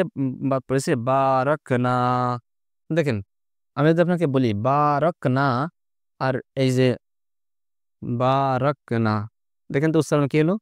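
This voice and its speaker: Man, Bangladeshi Bengali accent, grammar teacher, smooth clear voice, questioning and coaxing, dry close sound. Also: mid-range voice, dry recording. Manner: questioning, coaxes students to answer. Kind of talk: online grammar lesson.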